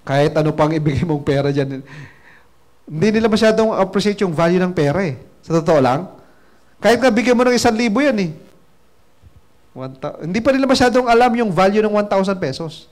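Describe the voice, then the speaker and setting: A man's voice: high-pitched, lively intonation, brisk, darkish tone. A man, a business mentor giving a motivational seminar in chatty Taglish, often checking in with the audience. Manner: chatty Taglish, constant tag questions to the audience.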